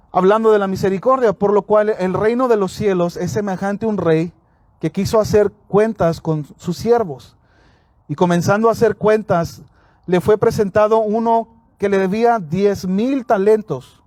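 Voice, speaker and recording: A man's voice: high-pitched, darkish tone, dry recording. A man preaching a sermon outdoors, reading scripture aloud and earnestly calling his listeners brothers. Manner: earnest, calls listeners "hermanos", frequent amén.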